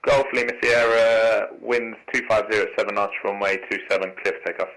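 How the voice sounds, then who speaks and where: A man's voice: fairly low pitch, completely flat delivery, fairly quick, fairly bright tone, poor audio. A man working as an air traffic controller, giving courteous standard instructions over aviation radio.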